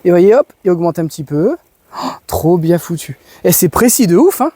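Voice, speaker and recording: A man's voice: high voice, very animated, moderate pace, warm tone, no echo. Upbeat french guy vlogging outside in his garden, dry close sound, lots of casual slang. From France. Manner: chatty, enthusiastic, casual slang. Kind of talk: casual product demo vlog. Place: outdoors in a garden.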